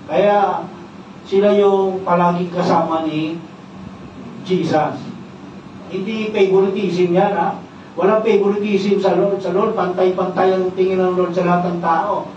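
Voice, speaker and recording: A man's voice: high voice, darkish tone. A man with a Filipino accent preaching a sermon, teaching with frequent "no?" tag questions and English terms mixed into his speech. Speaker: pastor. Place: church worship service. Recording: echoey church hall, distant mic, dull sound, faint noise.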